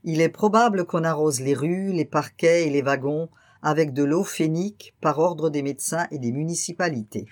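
Fretful hypochondriac gentleman in a storybook reading, pitched up and loud, put on by the narrator. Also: normal speed, natural voice. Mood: suspicious. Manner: fretful, exclamatory, suspicious. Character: fussy anxious middle-aged bourgeois man.

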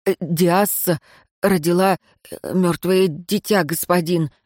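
A woman's voice: lowish voice, steady tone, slow, a little mellow, no echo, studio quality. A woman voicing a stammering, frightened male servant in an audiobook, hesitating on every phrase. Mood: nervous.

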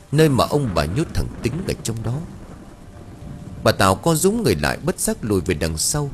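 A man narrating a scripted ghost story in a dramatic, expressive storytelling manner. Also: fairly low pitch, slight background noise.

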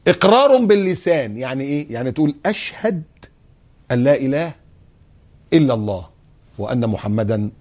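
A man's voice: medium pitch, husky. A man with an Egyptian accent giving a religious lesson on a TV show, acting out little scenes and drawing out his recitations. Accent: Egyptian Arabic. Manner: animated, acts out scenes and recites slowly. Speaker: preacher. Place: TV studio.

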